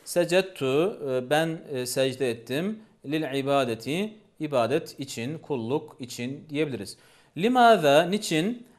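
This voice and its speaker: A man's voice: on the high side, animated, measured pace. A man teaching a language lesson, patiently repeating each phrase and asking questions.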